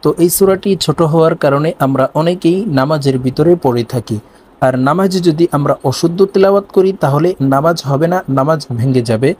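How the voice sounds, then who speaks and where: A man with a fairly high voice teaches recitation in a video lesson. He talks directly to his viewers and takes each word apart patiently, sound by sound. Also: brisk, a little mellow, slight background noise. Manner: patient and repetitive, breaking words down sound by sound.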